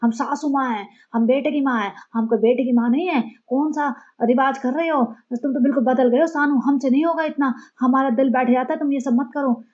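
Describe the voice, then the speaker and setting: A woman's voice: high-pitched, fairly even intonation, fairly quick, few pauses, darkish tone. A woman mimicking a sulking older mother-in-law who grumbles indignantly, in a dull, lo-fi recording. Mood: offended.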